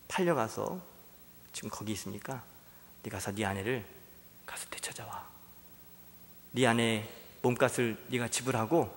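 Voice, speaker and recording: A man preaching in Korean, voicing God as a gentle, tender voice speaking softly to his servant, close to a whisper at times. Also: on the low side, a little hiss or hum. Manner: hushed, soft and slow, sometimes near a whisper. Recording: long church-hall reverb.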